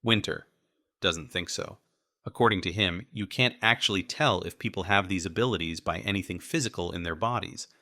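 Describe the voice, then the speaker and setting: A man reading an audiobook in steady, measured first-person narration. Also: low voice, dry recording, studio quality.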